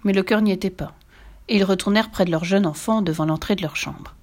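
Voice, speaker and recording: A woman narrating a children's story aloud with expressive, playful delivery. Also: medium pitch, fast talker.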